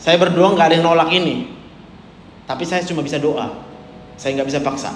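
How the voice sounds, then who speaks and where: A man preaching a chatty sermon, teasing the congregation and swinging from hushed to loud. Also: on the high side, a little fast. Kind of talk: conversational sermon. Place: church hall. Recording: echoey hall with faint room noise.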